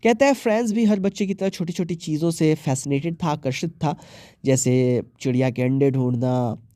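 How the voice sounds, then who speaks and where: A young man with an Indian English accent walks students through exam questions, mixing English terms into his Hindi. His voice is mellow and his recording sounds dry and close. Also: a little high, moderate pace, no echo. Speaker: English teacher. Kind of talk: exam prep lesson.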